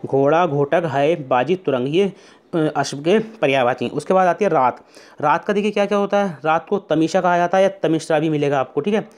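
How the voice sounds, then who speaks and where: A young man with a North Indian Hindi accent teaching an online exam revision class. He explains step by step, often checks in with "theek hai", and slows down to repeat key words and verses. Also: fairly high pitch, a little mellow.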